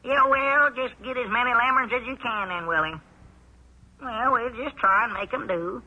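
A man playing an excitable, simple-minded country storekeeper and deputy marshal, with a twangy drawl and a habit of malapropisms. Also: moderate pace, exaggerated voice. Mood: riled folksy. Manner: high twangy drawl, malapropisms, easily riled. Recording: dull lo-fi old radio recording.

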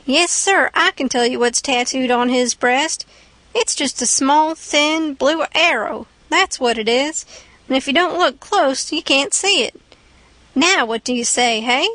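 A woman plays a shameless old con man in a storybook reading, bluffing with a sly drawl. The voice sits high and dry, close to the mic. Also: a little slow, fairly bright tone, dry recording. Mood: smug. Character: brazen old male con man, cheeky.

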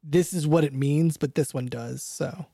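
A quiz host with a dark, mellow voice who runs a casual guessing game among friends, often trailing off and restarting. The sound is dry and close-miked. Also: mid-range voice, unhurried, gravelly, husky, no echo. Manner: loose, hesitant phrasing. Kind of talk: casual podcast chat.

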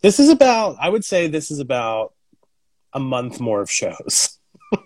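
A man co-hosting a casual chat on an Instagram live, animated and jokey, talking over a video call. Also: mid-range voice, a little slow, dry recording, poor audio. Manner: animated, jokey, lots of fillers. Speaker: podcast co-host.

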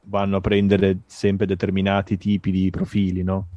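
A man's voice: low-pitched, monotone, moderate pace, mellow, no room sound, dull audio. A man presenting a sports podcast in a casual, chatty way. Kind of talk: casual panel chat.

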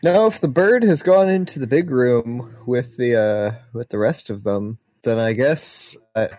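A man taking part in a tabletop game, talking in a relaxed, playful way. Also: mid-range voice, a little slow. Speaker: player. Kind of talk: casual tabletop play.

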